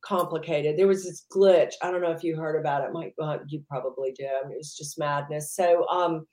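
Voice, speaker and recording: A woman's voice: sits low, steady tone, a little fast, a little mellow, echoey room. A woman entrepreneur being interviewed, chatting casually and rambling with lots of "you know" fillers. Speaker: entrepreneur guest.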